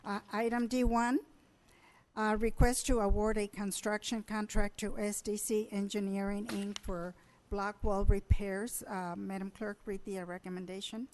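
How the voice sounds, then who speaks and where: A woman mayor chairing a council meeting, hoarse and losing her voice, halting with fillers and throat clearing. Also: medium pitch, level tone, darkish tone, slight background noise, poor audio.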